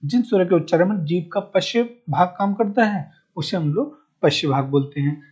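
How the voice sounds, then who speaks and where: Patient male teacher, dark muffled voice. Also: high-pitched, husky. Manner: asks a question, then answers it himself; repeats each definition slowly for note-taking. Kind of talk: recorded grammar lesson. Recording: muffled, dull recording.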